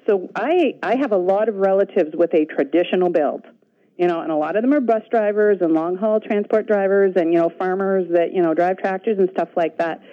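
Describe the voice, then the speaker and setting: A woman's voice: medium pitch, fairly quick, no echo, muffled recording. A woman calling in to a radio show, talking in a rambling, hesitant way. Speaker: caller. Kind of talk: radio call-in.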